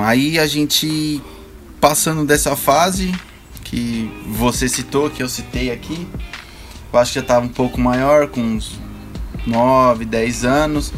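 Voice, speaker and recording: A man's voice: medium pitch, measured pace, faint music behind. A man with a Brazilian Portuguese accent chatting casually and informally, using plenty of slang. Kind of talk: casual chat.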